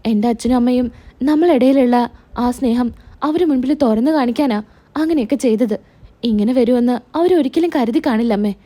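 A woman's voice: fairly high pitch, brisk, mellow, lightly acted. A woman voicing a hurt young wife in a spoken serial recap, pleading and upset.

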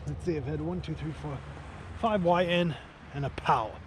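With a fairly high voice at a moderate pace, a forties-aged angling vlogger chats casually and keenly to the camera as he fishes. He's outdoors at night on a beach near a small shelter, talking in a friendly, matey way. The location audio is clearly noisy.

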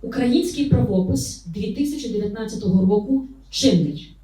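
A woman's voice: medium pitch, animated, moderate pace, dark tone. A woman media trainer giving an interactive workshop on correct Ukrainian usage, quizzing her audience and correcting common mistakes, with a Ukrainian accent.

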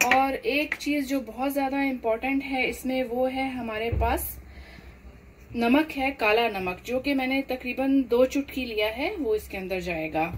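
A woman narrates a home cooking demonstration in a slightly high voice. She moves unhurriedly from step to step, padding her sentences with fillers. A faint room hum sits under the recording. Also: low-quality recording. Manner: unhurried, explains each step with many fillers. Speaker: cooking channel host.

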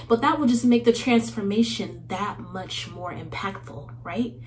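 In a small bathroom, a woman in her thirties hosts a casual get-ready-with-me video as a beauty vlogger, chatting away and laughing often. Her voice sits in the mid range at a moderate pace and sounds a little nasal from a cold.

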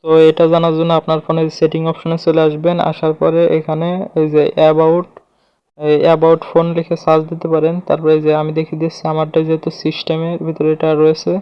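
A man whose voice sits a little high speaks fairly quickly in a completely flat, clean tone with no echo. As a tutorial host he narrates informally step by step, pointing things out with repeated fillers, in a close, lo-fi recording that sounds somewhat dull.

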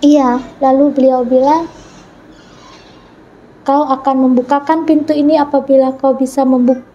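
High-voiced woman telling her story earnestly. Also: flat delivery, normal speed, dark tone, muffled recording. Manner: earnest storytelling, acting out quoted dialogue. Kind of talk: personal testimony interview.

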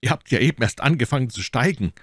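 A man's voice: medium pitch, lively intonation, quick pace, breathy edge, no room sound, clean studio sound, voice pushed up. A man doing a breathless English hiker man. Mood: exclaiming.

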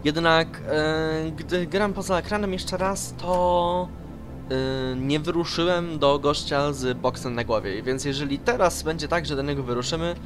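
A man giving casual, excitable commentary while playing a horror game, swearing and yelping when scared. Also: a little high, measured pace, over music. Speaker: let's play host.

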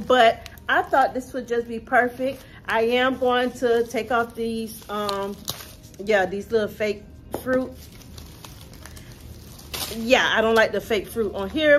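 A woman's voice: fairly high pitch, a bit bright. A woman, chatting casually to camera about her thrift finds from her living room and calling her viewers y'all. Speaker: thrift haul vlogger. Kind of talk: casual haul vlog to camera.

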